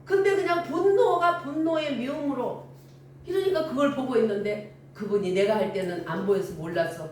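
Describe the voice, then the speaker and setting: A woman's voice: medium pitch, a little hiss or hum. An older woman preaching a sermon and telling stories animatedly, acting out the dialogue. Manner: animated storytelling with acted-out dialogue. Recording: echoey room from far off with faint ambience.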